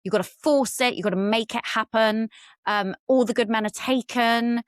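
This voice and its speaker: A woman's voice: a little high, fairly even intonation, moderate pace, clear, resonant tone, no room sound, studio quality. A middle-aged woman from Britain, a relationship expert talking candidly as a podcast guest, swearing freely and acting out quotes in a raised voice. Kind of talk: candid conversational interview.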